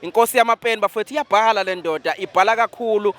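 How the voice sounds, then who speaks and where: A man's voice: high voice, racing, a bit bright. A man with a Zulu accent interviewing casually at an event, respectful and full of compliments for his guest. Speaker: interviewer for an online channel.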